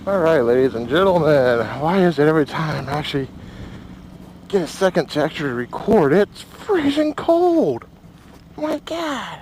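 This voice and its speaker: A man hosts a casual motovlog from inside a helmet. His voice is pushed up and loud as he talks on the move. Faint vehicle noise sits around him. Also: fairly high pitch, sing-song, normal speed. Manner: raised voice, talking from inside a helmet while riding. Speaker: motovlog host. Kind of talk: casual vlog talk while riding a motorcycle. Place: outdoors, riding a motorcycle.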